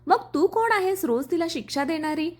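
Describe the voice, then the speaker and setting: A woman's voice: very high voice, expressive, a little fast, pitched above the performer's own voice. Woman doing earnest protective young husband. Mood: firm.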